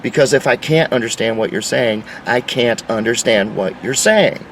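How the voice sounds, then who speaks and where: A man's voice: medium pitch, moderate pace, recorded from a distance, slight background noise, rough recording. A man delivering an insistent, lecturing opinion monologue. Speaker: commentator.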